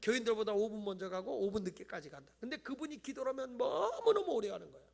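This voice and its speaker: A middle-aged male pastor giving an animated Friday night sermon in a church, acting out whiny voices and shouting. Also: high voice, fast talker, gravelly. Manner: animated, acts out voices of people he tells about, mock-whines and shouts. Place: church sanctuary.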